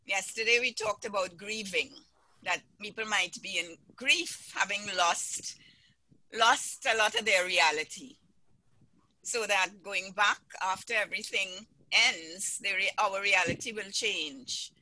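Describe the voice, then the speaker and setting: A panelist on a video call, speaking slowly and haltingly and repeating words. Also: medium pitch, sharp tone, dry recording, low-quality recording. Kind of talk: casual panel discussion.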